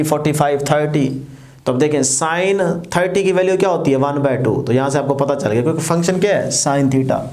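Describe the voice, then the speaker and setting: Male teacher with a slightly high voice, lecturing step by step and quizzing the class. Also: a little mellow. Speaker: physics teacher.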